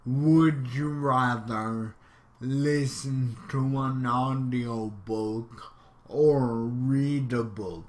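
A YouTuber reads would-you-rather questions aloud and then answers them offhandedly in casual commentary. He has a mid-range voice and speaks very slowly.

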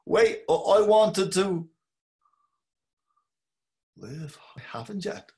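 Over a webcam on a video call, a middle-aged actor reads a male lead: a wry, musing Dublin man in brooding inner monologue, slow and measured. His voice is high-pitched, expressive and darkish in tone, deliberately exaggerated.

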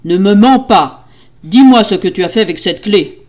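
Loud growling villain husband in a fairy-tale reading, voiced by a woman, slow, menacing threats. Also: sits high. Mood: roaring. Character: cruel menacing nobleman husband, murderous. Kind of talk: storybook reading.

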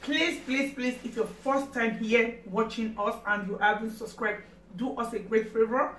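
A woman's voice: fairly high pitch, fairly even intonation, moderate pace, a bit bright. A woman in her thirties with a Nigerian accent hosting a casual mukbang, exclaiming and talking between mouthfuls. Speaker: host of an eating show. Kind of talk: casual mukbang eating chat. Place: kitchen or dining room indoors. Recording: roomy, distant mic, faint noise.

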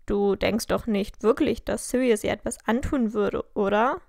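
Woman reading earnest teen schoolboy, a bit lower than her own voice, emphatic, loud, dry sound. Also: moderate pace, vocal fry, dry recording, lightly acted. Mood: alarmed. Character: teenage schoolboy, loyal and earnest.

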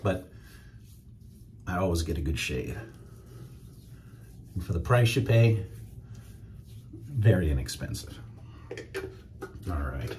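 A man's voice: deep voice, expressive, takes it slowly, long pauses, a little mellow, slight background noise. A middle-aged man chatting casually to viewers while shaving at home. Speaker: wet shaving YouTuber. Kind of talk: casual shaving demo chat. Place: home shave room, indoors.

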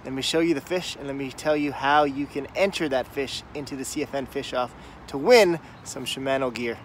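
A man's voice: medium pitch, fairly quick, a little hiss or hum. A man in his thirties hosting a fishing vlog, explaining a technique to the camera outdoors by a wooded creek. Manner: upbeat, explanatory, talking to camera while walking. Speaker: fishing vlogger host. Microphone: phone or camera at arm's length.

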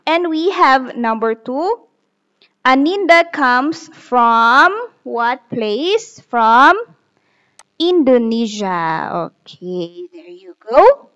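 Slow, clear-voiced woman teaching English. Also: on the high side, expressive, fairly bright tone, muffled recording. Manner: slow, clear reading aloud with questions to pupils. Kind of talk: online classroom lesson over slides.

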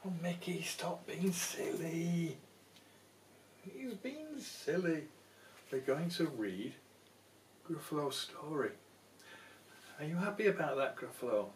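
Reading a picture book aloud, a man in his sixties gently and playfully urges his small grandchildren along, his fairly high voice lively in intonation, slow and full of pauses. Captured by a camera a few feet away in a small home room, the audio has roomy echo and light background noise.

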